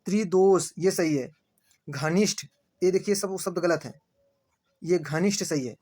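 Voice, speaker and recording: A male teacher running an exam-prep lesson, repeating each answer and asking quick rhetorical checks. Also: high voice, darkish tone, slightly rough. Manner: points at screen, says "dekhiye".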